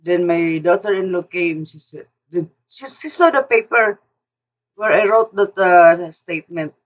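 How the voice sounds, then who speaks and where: An older woman with a fairly low pitch and measured pace casually shares a personal story, often repeating words and restarting sentences. The recording is from a distant mic, with dull lo-fi sound.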